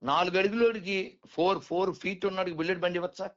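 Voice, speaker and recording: A man's voice: high voice, fairly even intonation, fast talker, a bit bright. A man lecturing on spiritual matters, firing rhetorical questions and coaxing his listener along. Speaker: spiritual speaker. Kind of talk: explaining conversation. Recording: dull lo-fi recording.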